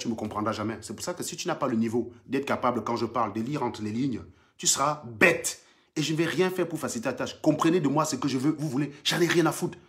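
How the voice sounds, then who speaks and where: A man from Cameroon with a Cameroonian French accent, hosting a livestream monologue in a combative, mocking way that swings between loud outbursts and low muttering. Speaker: livestream host.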